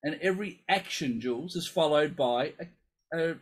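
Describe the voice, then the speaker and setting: A man with a husky, slightly raised voice, explaining practice methods to musicians in a lively, emphatic way. He talks casually, acting out the voices in his head as he goes. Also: a little high, normal speed, low-quality recording. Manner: animated, emphatic, acts out inner voices. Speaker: coach for musicians with focal dystonia.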